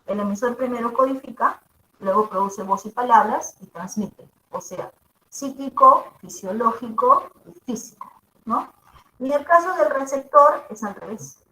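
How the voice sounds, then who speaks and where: A woman's voice: a little high, fairly bright tone. A woman teacher with a mezzo-soprano voice gives a classroom lecture, checking in with her students after each point. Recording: echoey room.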